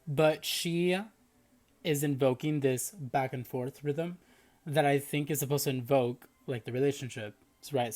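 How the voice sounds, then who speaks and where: Chatty man gushing in a music reaction. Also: mid-range voice. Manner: chatty, full of "like" fillers, lively and enthusiastic. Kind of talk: casual album reaction commentary.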